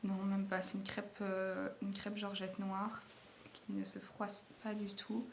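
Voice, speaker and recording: Her voice mid-range, level, and edged with vocal fry, a sewing vlogger with a non-native French accent talks unhurriedly about the garments she made. Fillers and restarts crowd her casual chat, filmed indoors at home late in the day in an echoey room with faint noise.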